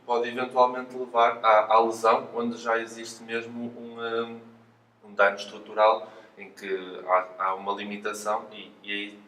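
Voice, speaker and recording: Interviewed as a physiotherapist, a man with a European Portuguese accent explains things, often hesitating and repeating himself. His mid-range voice sounds pushed and bright, entirely flat, at a moderate pace, recorded on a distant mic with roomy echo and faint noise.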